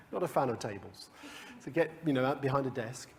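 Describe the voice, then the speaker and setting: A man's voice: mid-range voice, animated, moderate pace, gravelly, noisy background. Man leading a workshop in a hall. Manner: conversational, with frequent restarts and chuckles. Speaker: coaching workshop leader. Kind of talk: live workshop teaching. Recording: long hall reverb.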